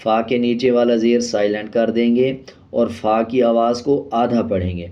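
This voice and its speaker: A man teaching Quran reading, spelling out syllables very slowly with drawn-out sounds, then explaining the rules more quickly and quietly. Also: mid-range voice, little pitch movement. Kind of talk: slow spelling-out lesson with drawn-out recitation. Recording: slightly dull lo-fi sound.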